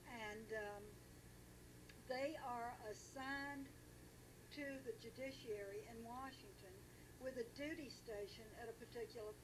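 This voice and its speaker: An American woman talking casually about politics in a deliberate, measured way with pauses, on a noisy recording. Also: a little high.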